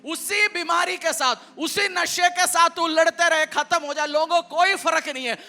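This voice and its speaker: A man's voice: very high voice, fairly even intonation, normal speed, gravelly, pushed and bright. A male pastor delivering a fervent, emphatic sermon, mixing in English words.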